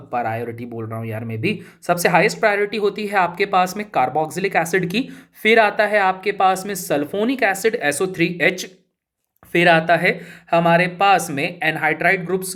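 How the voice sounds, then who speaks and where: A man's voice: high voice, a bit bright. A man teaching chemistry in a casual, chatty way, asking his students questions and answering them himself. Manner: informal, keeps addressing listeners as brother and buddy. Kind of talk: casual spoken lesson.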